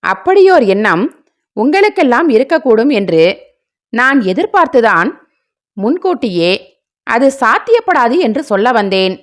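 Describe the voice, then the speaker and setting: A man's voice: extremely high pitch, sing-song, normal speed, pauses often, fairly bright tone, full character voice. A woman reading as a stern older father-in-law. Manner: stern, curt and commanding.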